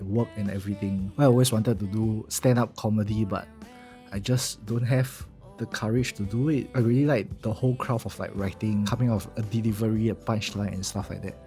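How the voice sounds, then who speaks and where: Warm-toned and medium-pitched, this young vlogger has a heavy Singaporean accent. In his travel vlog about his first attempt at stand-up, he's chatty and self-deprecating, cursing whenever nerves hit.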